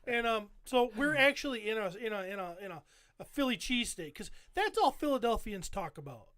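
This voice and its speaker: Rambling, cursing podcast host, high voice. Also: male voice, big pitch swings, fairly quick, a bit bright. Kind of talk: casual chat, telling a trip story over photos.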